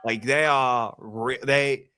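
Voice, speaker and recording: A man's voice: medium pitch, steady tone, takes it slowly, noisy background. A man co-hosting a sports podcast, chatting casually about the season with many fillers and restarts. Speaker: podcast co-host.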